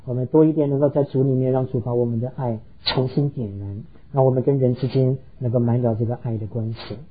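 A man's voice: mid-range voice, fairly even intonation, a little fast, husky, narrow, tinny audio. A pastor preaching a sermon, earnestly telling stories and slipping English words into his talk. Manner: earnest, heartfelt storytelling.

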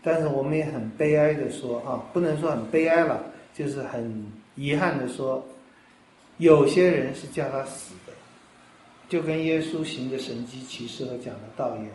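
A pastor giving a sermon in a conversational way, explaining step by step and asking rhetorical questions. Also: male voice, medium pitch, normal speed, darkish tone, reverberant, a little hiss or hum, poor audio.

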